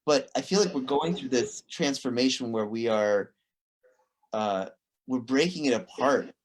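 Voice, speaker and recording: Man as interview host, mid-pitched voice, hesitant, restarts phrases, video call. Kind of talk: casual interview conversation.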